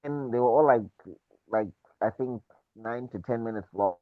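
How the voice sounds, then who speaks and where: A man's voice: medium pitch, measured pace, no echo. A man co-hosting a casual podcast chat over a remote call, his voice muffled by a poor mic connection, talking in a laid-back, rambling way with restarts. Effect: muffled sound from a poor mic connection. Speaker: podcast co-host.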